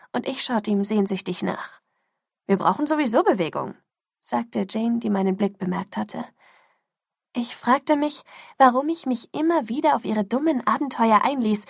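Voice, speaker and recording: A woman reading a first-person story as audiobook narration, sinking into a hushed whisper at tense moments. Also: fairly high pitch, vocal fry, dry recording, clean studio sound.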